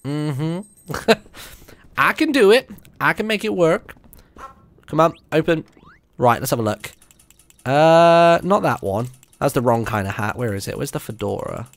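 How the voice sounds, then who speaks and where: Lively British man with a higher-pitched voice. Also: measured pace, vocal fry, pauses often, dry recording. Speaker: video game streamer. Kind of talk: casual live gameplay commentary, chatting with viewers. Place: indoor room, streaming setup at home. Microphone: close microphone on a stand. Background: video game music.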